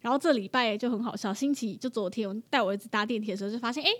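A young mother tells a story in a casual chat, animated and laughing often. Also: on the high side, racing. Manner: animated, laughs often, acts out her own reactions.

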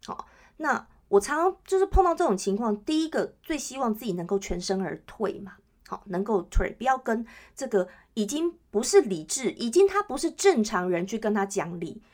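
A woman's voice: on the high side, sing-song, moderate pace, darkish tone. A woman host, chatting on her own podcast and often checking in with listeners. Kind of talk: casual solo chat.

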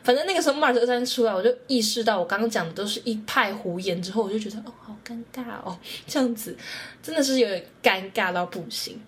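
A young woman hosting her own podcast, telling a story in a casual, animated way, her voice jumping high when she quotes her own excitement. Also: quick pace. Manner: animated, jumps to high squeals when quoting herself. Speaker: podcast host.

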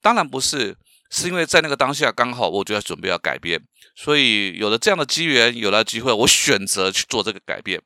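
A man's voice: medium pitch, sing-song, fairly quick, pushed and bright, no echo, studio quality. A middle-aged man from Taiwan, a professional speaker hosting his own podcast, telling stories and asking rhetorical questions with frequent fillers. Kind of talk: solo podcast talk.

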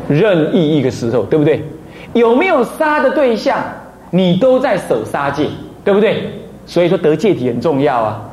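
Speaking in a high voice with a darkish tone, a Buddhist abbot from Taiwan delivers a dharma talk in Mandarin sprinkled with Taiwanese phrases. He frequently poses rhetorical questions to listeners, and the audio has roomy echo and faint noise.

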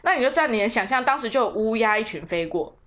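Lively high-pitched woman storyteller. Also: fast, dull audio. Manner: chatty, self-mocking, lively storytelling. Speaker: podcast host and tour leader. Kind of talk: casual storytelling podcast.

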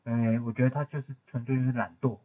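Fast-talking raspy man, lo-fi sound. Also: mid-range voice, flat delivery, dark tone. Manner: teasing, quick interjections. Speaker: podcast co-host. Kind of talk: casual chat. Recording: dull lo-fi podcast audio.

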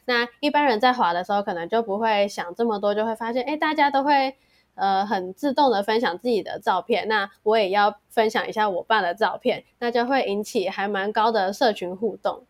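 A woman's voice: mid-range voice, a little fast. A woman with a Taiwanese Mandarin accent co-hosting a podcast in casual conversation. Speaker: podcast co-host.

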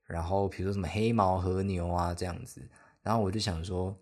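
Low-voiced young Taiwanese podcaster rambling. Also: male voice, fairly even intonation, fairly quick. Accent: Taiwanese Mandarin. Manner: rambling, self-deprecating, chatty. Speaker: podcast host. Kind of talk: casual solo podcast storytelling.

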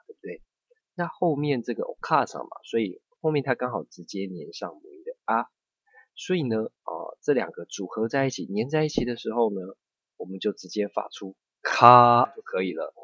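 Husky-voiced male language teacher. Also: fairly low pitch, no echo, highs cut off. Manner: patient, explains step by step with frequent checks. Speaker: Japanese teacher. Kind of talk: online language lesson.

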